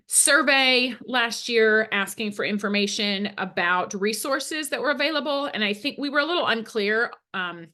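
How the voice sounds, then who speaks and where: A woman's voice: medium pitch, sharp tone. A woman giving a hesitant working group update at an online meeting, with many fillers.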